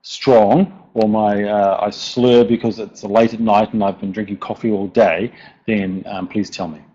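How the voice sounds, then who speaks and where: A man's voice: fairly low pitch, level tone, a little slow, warm tone. A man with a broad New Zealand accent giving an informal technical presentation, often hesitating and repeating words. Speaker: presenter, software developer. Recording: dull lo-fi online audio.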